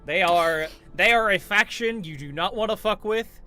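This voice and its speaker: A man talking through a tabletop game with a laid-back, drawn-out delivery. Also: sits high, music in the background.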